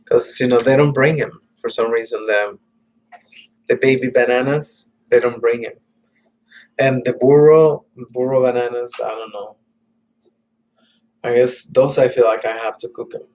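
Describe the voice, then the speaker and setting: Slow, halting man rambling to camera. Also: medium pitch, fairly even intonation, a little mellow, poor audio. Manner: halting, meandering, many fillers and restarts; drops to muttered, whispered asides. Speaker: vlogger. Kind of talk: casual rambling monologue.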